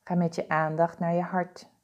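A woman guiding a body-scan meditation with slow, soothing, calm instructions. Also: fairly low pitch, muffled recording. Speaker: meditation guide.

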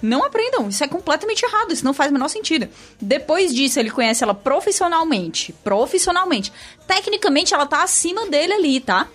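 A woman with a Brazilian accent and a fairly high voice talks casually as part of a film discussion panel. She makes her points with emphasis and an incredulous edge. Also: sing-song, fast talker, a bit bright. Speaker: podcast panelist.

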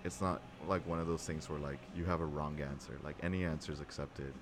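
A man's voice: extremely low pitch, steady tone, fairly quick. A young man, a podcast guest, chatting casually in a reflective, slangy way. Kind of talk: casual chat. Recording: clearly noisy background.

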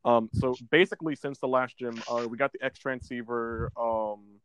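A man's voice: mid-range voice, fairly even intonation, moderate pace, fairly bright tone, smooth. A man co-hosting a casual podcast about a video game, rambling and often stumbling over his words. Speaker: podcast co-host.

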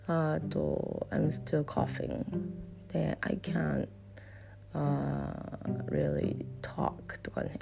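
A Japanese woman giving a relaxed English lesson while getting over a cough, with a hoarse voice and lots of fillers. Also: sits low. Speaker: English teacher. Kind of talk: casual spoken lesson. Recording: guitar music playing behind.

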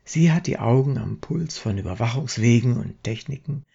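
A man's voice: mid-range voice, expressive, moderate pace, creaky, mellow, breathy edge, muffled recording. A man giving a spoken book review with wry commentary. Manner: wry, wordplay-loving commentary.

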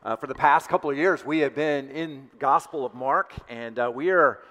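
A male pastor preaching a sermon in a relaxed, conversational way, with frequent fillers and restarts. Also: mid-range voice, normal speed. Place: church sanctuary. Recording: long reverb of a church hall.

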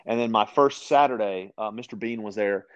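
A man from Louisiana, a podcast guest, telling casual stories with lots of restarts and animated asides. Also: lowish voice, moderate pace, clean tone, dull audio. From Louisiana, USA. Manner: rambling, animated anecdotes with frequent restarts. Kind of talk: casual storytelling conversation.

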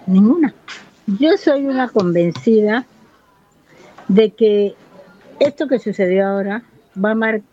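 A local resident of Buenaventura, Colombia, a woman in her fifties, gives an earnest, impassioned interview testimony about her life and community. Her medium-pitched, warm voice moves at a measured pace with long pauses, on lo-fi audio.

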